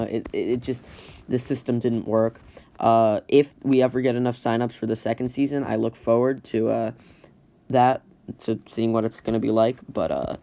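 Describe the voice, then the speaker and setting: Rambling man recorded on a rough phone mic. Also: mid-range voice, darkish tone. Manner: rambling, halting, frequently rephrasing himself. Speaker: host. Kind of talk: casual tier list commentary. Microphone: phone's built-in microphone. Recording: rough amateur phone microphone with automatic audio.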